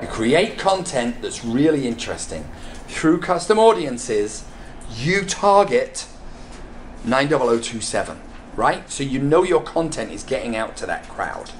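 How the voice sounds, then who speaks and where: A man's voice: mid-range voice, big pitch swings, unhurried, a little hiss or hum. A middle-aged man hosting a vlog and running a seminar, talking enthusiastically and repeating words for punch. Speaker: vlog host and real estate agent. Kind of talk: energetic vlog and seminar talk. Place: car, office and seminar room. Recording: music playing underneath.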